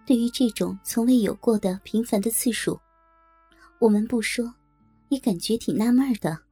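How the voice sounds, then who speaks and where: A woman reading a first-person adult audio novel in a steady, intimate storytelling manner. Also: on the high side, normal speed, slightly rough, dry recording, faint music behind. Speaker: narrator.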